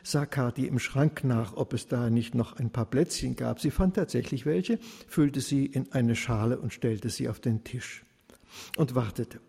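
Guy reading a story, steady pace, husky voice, long hall echo. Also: mid-range voice, unhurried. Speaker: story reader.

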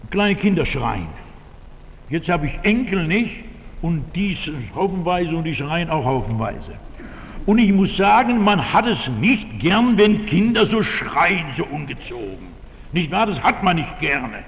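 A man's voice: a little high, long reverb tail, poor audio. An older man preaching a sermon in a church, emphatic and repeating his key phrases.

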